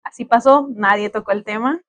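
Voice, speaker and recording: A woman's voice: on the high side, normal speed, dry recording. A young woman, telling a personal story in casual conversation and acting out what other people said. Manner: animated, acts out quoted voices of others.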